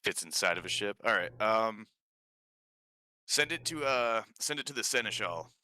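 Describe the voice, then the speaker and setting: A man's voice: fairly low pitch, lively intonation, normal speed, bright, forceful tone, clean tone, low-quality recording. A man playing in a tabletop game who speaks hesitantly, with many fillers. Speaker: player.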